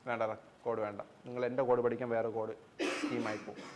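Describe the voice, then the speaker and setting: A man's voice: mid-range voice, flat delivery, fast talker, background noise. A young man with a Malayali accent teaching an online geography class for exam coaching, asking questions and answering them himself, with English phrases mixed in.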